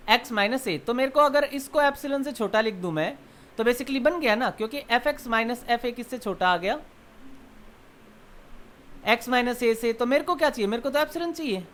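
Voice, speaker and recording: A male math lecturer teaching a class, moving between Hindi and English. His pitch swings widely as he asks quick questions and answers them himself. A faint hiss sits under the voice. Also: a bit bright. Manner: keeps quizzing students with quick check questions; explains step by step, then answers his own questions.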